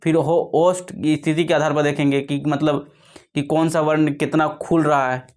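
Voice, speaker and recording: A man's voice: a little high, flat delivery, normal speed, darkish tone. A man teaching a lesson, explaining step by step with frequent repetition and self-correction.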